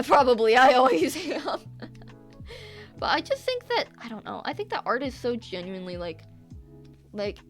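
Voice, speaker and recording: A young woman live-streaming her art, chatting casually, rambling and swearing, losing her train of thought and breaking into animated rants. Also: medium pitch.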